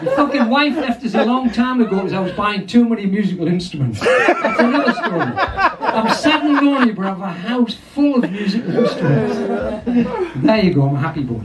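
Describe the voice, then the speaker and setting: A man's voice: high voice, brisk. An older man from England, compering a pub comedy night with sweary, rambling crowd work and frequent laughs at his own jokes. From North East England. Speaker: comedy club MC. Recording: distant mic, lively crowd.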